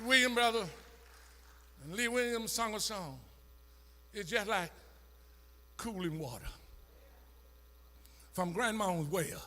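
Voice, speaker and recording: A man's voice: sits high, slow, long pauses, sharp tone. A man preaching a sermon in a church with a Southern American accent, calling out to the congregation and rising into a sung, chanted whoop. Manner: call-and-response, dialect-rich, emotional chanting.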